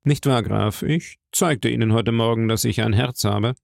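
A man's voice: mid-range voice, normal speed, creaky, a little mellow, no room sound, clean studio sound, lightly acted. A man voicing an earnest, heartfelt young army captain.

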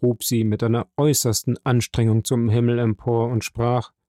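A man reading a classic novel aloud as an audiobook narrator, in a measured way. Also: medium pitch, level tone, mellow, no echo, clean studio sound. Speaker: audiobook reader. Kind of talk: scripted narration.

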